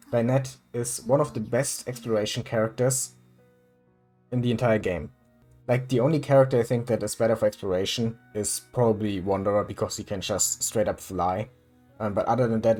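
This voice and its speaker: Laid-back young man, low voice. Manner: relaxed, rambling, frequent ums and uhs, casual swearing. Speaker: gaming YouTuber. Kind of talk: casual gameplay commentary.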